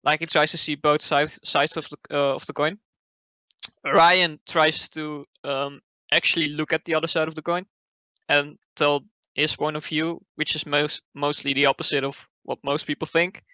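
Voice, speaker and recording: A man's voice: on the high side, flat delivery, moderate pace, bright, forceful tone, clear, resonant tone, dry recording, low-quality recording. A man with a Dutch accent, a guest in casual online chat, hesitant with many fillers and restarts. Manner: hesitant, lots of fillers and restarts, laughs easily.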